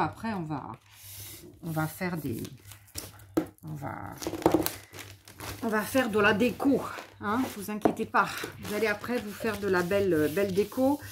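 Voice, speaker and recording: A very noisy recording captures a tired woman with a medium-pitched voice hosting a casual scrapbooking video. As she works, she thinks aloud and jokingly teases herself.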